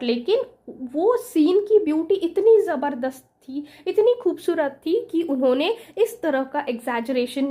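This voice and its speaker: Bright-voiced woman teaching poetry. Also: high voice. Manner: slow, drawn-out reading of quoted English verse. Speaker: English teacher. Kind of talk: explaining poetic devices in Hindi-English mix.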